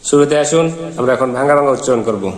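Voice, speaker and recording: A man's voice: medium pitch, fairly quick. A man teaching Quran reading, spelling out syllables one by one and then chanting the verses melodically. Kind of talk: slow spelled-out recitation lesson. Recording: echoey hall reverb.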